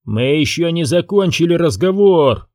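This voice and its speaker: A man's voice: fairly high pitch, animated, normal speed, darkish tone, no room sound, studio quality, voice pushed up. A man reading an audiobook, voicing a ruthless, domineering rancher boss who speaks in brusque commands.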